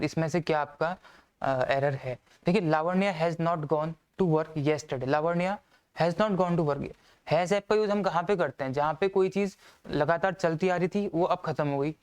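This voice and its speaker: A man teaching an exam-prep grammar lesson, explaining step by step, reading example sentences out slowly and answering his own questions. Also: on the high side, clean tone. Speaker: English teacher.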